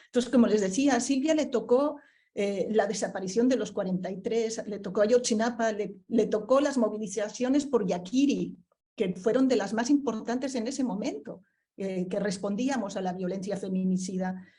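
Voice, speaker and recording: A woman from Barcelona, Spain, presents a book as a panelist, her mellow, medium-pitched voice moving at a moderate pace. She sounds thoughtful and often searches for words, leaning on fillers and tag questions.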